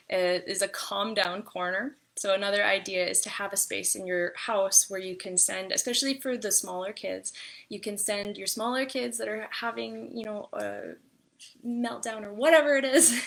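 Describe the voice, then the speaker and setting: A young adult woman giving casual parenting advice in a chatty, gentle way, with many fillers and restarts. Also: mid-range voice, gravelly. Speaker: parenting and wellness vlogger.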